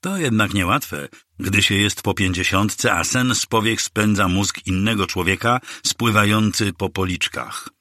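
Slow deep-voiced male narrator. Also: sharp tone, dry recording, clean studio sound. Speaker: audiobook narrator. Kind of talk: scripted narration of a crime novel.

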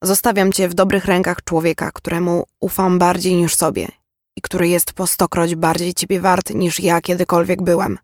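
A man reading an audiobook, voicing a remorseful older father in a quiet, measured, earnest way. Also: sits high, little pitch movement, dry recording, studio quality. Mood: pleading.

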